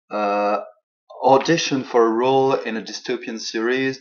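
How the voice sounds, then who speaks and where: French-accented male teacher, unhurried and filler-heavy, muffled lo-fi recording. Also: lowish voice. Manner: hesitant, many fillers, switches between English and French. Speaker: English teacher. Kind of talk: recorded lesson feedback. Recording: dull lo-fi recording.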